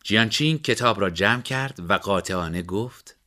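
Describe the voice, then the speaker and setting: A man narrating a story in a steady, measured way. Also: on the low side.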